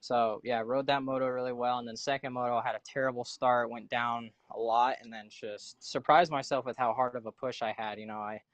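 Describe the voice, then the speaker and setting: A man answers questions over an online voice chat mic that keeps cutting out, so his volume jumps up and down. He speaks in a flat, level way with lots of fillers. The sound is dry and close. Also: medium pitch, dry recording, muffled recording. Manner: flat, hesitant, many fillers. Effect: uneven volume from a cutting-out mic. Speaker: league racer being interviewed. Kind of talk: casual post-race interview.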